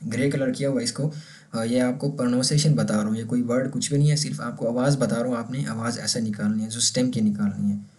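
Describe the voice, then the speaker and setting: A man with a Pakistani Urdu accent gives a casual language lesson at an ordinary middle pitch. He explains patiently and says each example word slowly and carefully, as if writing it out for his students. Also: steady tone, a little mellow. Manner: patient, repeats words slowly to model pronunciation. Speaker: German language teacher.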